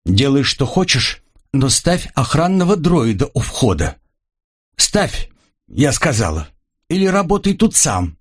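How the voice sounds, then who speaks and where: A stern, irritable office bureaucrat snaps out short, curt orders in a raised, husky voice, as a male narrator puts her on. The pitch climbs well above his own, and every word sounds impatient. It belongs to an audiobook-style story reading. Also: sing-song, measured pace. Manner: sharp and curt.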